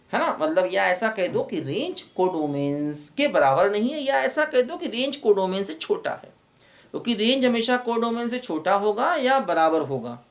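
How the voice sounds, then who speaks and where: Man, maths lecturer, fatherly and coaxing, animated up-and-down delivery, roomy echo, mic set back. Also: high voice, recorded from a distance. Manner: fatherly, calls viewers children, keeps repeating "look". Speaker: maths teacher.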